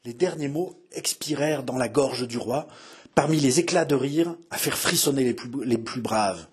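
A man narrating a historical novel with dramatic, expressive delivery. His voice is husky and breathy, at a middling pitch. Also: normal speed. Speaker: audiobook reader. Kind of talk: reading a historical novel aloud.

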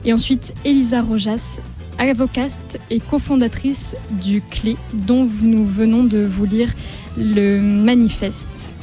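A woman's voice: on the high side, fairly even intonation, takes it slowly, mellow, soft background music. A woman presenting on radio, giving a scripted introduction.

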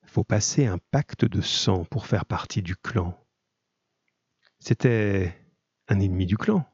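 A man's voice: lowish voice, slow pace, darkish tone, husky, no room sound, highs cut off, full character voice. A man reading as a boastful young convict. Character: young male convict, streetwise gang boy.

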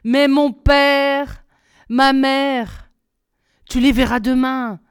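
A woman reading aloud, voicing an eager, cheerful young prince in a lively, raised voice. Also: high-pitched, very slow, clear, resonant tone, pitched above the performer's own voice, exaggerated voice. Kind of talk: storybook reading.

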